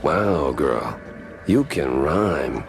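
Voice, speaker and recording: Hard-boiled mouse gumshoe, deep voice, unhurried, wry, video game noir. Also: male voice, animated, gravelly, heavily acted. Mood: wry, incredulous. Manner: wry, incredulous, colloquial. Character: wisecracking hard-boiled noir mouse detective, adult male. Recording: loud music behind the voice.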